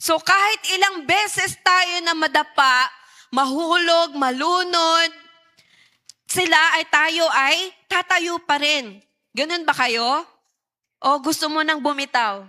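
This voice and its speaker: High, bright woman preaching. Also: slow pace. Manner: engaging, asks the audience questions. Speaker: youth preacher. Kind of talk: sermon.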